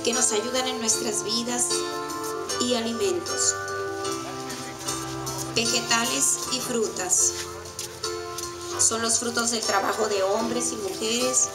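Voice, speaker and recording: A woman giving a formal reading during an outdoor Mass. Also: fairly high pitch. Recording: echoey outdoor sound with loud crowd and music.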